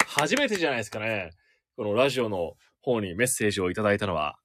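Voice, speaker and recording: A male announcer hosting a casual radio talk show, chatty and expressive. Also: on the low side, quick pace, dry recording, studio quality.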